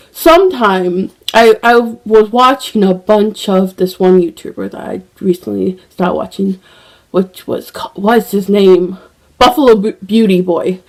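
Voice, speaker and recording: A young book vlogger chats casually about books in a mid-range, darkish voice, rambling with plenty of fillers and restarts. She's slightly congested from a cold and coughs now and then, and the recording quality is low.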